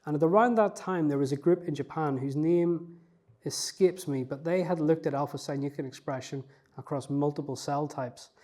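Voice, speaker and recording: Speaking at a normal speed in a warm, fairly high voice, a male researcher reflects on interview questions with self-effacing modesty. He uses many fillers and restarts, and he is not from Newcastle.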